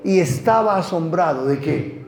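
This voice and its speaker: A male pastor preaching a sermon with impassioned call-and-response, swinging from loud declarations to hushed lines. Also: fairly high pitch, expressive, normal speed, over music.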